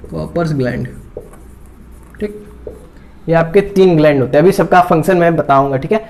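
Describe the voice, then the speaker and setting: A man's voice: fairly high pitch, darkish tone, slight background noise. A man teaching biology while drawing a diagram, repeating each term and checking in constantly with his students. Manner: repeats terms, checks in with "theek hai" constantly.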